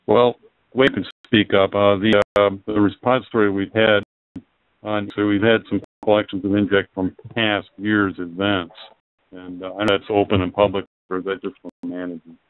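A man's voice: fairly low pitch, level tone, normal speed, dry recording. A man on a webinar panel, explaining at length with many fillers and restarts. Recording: phone-line audio.

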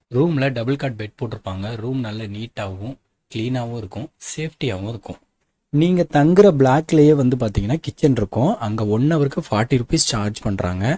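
A man from Tamil Nadu talks through a travel guide at a quick clip. His voice is dark and mellow, and his practical, matter-of-fact manner speaks straight to the viewer. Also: medium pitch. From Tamil Nadu, India. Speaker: travel vlogger.

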